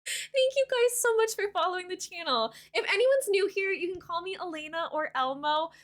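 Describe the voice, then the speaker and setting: A woman's voice: extremely high pitch, normal speed, a bit bright. A young woman from Canada chatting casually with her viewers while live-streaming a game, bubbly and giggly.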